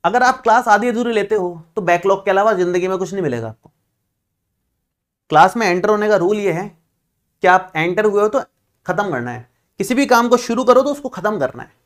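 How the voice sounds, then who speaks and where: Animated and with a voice that sits high, a man lectures his math class in a chatty, reassuring way. He teases the students and goes over steps slowly, repeating them.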